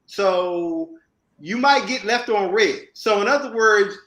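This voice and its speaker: High-voiced man on an echoey call. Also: animated, slow pace, a bit bright. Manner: hesitant, many "um"s, streetwise slang. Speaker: guest caller. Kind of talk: casual chat over a call.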